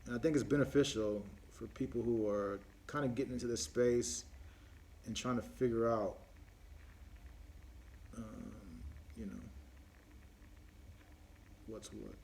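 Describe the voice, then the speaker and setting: A man's voice: mid-range voice, fairly even intonation, unhurried, gravelly, pauses often, a little mellow, slight background noise. A man hosting a casual live-stream Q&A on his phone, rambling with many fillers and restarts as he answers viewer questions one by one.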